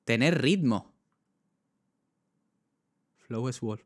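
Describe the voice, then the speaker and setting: A man's voice: medium pitch, animated, extremely slow, no echo, studio quality. A young man with a Spanish accent chatting casually on a livestream, rambling with lots of fillers and talking straight to his chat. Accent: Spain. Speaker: streamer.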